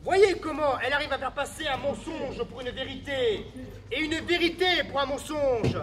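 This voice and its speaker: An actor playing a jovial medieval town crier, proclaiming theatrically to gather folk for a tale. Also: male voice, very high-pitched. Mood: proclaiming, inviting. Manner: town crier's proclaiming, drawn-out calls to the crowd. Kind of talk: theatrical street storytelling. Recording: live festival recording, faint background noise.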